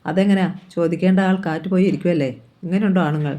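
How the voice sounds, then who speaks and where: A man's voice: sits high, fairly even intonation, fast talker, warm tone, natural voice. A man reading the part of a playful, bossy aunt, teasing and coaxing in his own voice. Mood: scolding.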